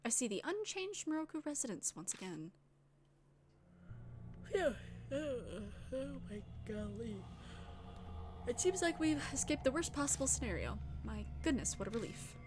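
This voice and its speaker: Woman streamer, fairly high voice, casual let's-play reader over game music. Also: sing-song, normal speed, long pauses. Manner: casual, slangy asides with swearing. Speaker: streamer playing a visual novel. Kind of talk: let's-play reading game text aloud.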